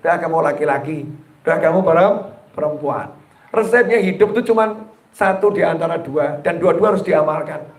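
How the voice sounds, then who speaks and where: A man giving a humorous sermon to a live audience, talking straight to his listeners and breaking words across pauses before finishing them. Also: fairly high pitch. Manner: jokey, addresses the audience directly, acts out quoted people. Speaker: preacher. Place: gathering hall with a live audience. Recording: roomy, echoing hall sound.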